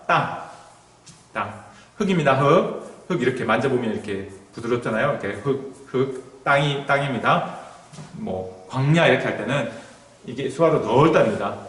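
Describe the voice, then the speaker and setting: Lively-voiced man teaching sign language. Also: mid-range voice, echoey room. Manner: slow, explanatory, drawn-out words while demonstrating signs. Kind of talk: recorded sign language lesson. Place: indoor room at a welfare center.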